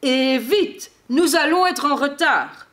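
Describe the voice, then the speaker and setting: A woman reading aloud, voicing a hurried, kindly old Santa Claus in an urgent, exclaiming way. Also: sits high, very animated, voice pushed up. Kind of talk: storybook read-aloud.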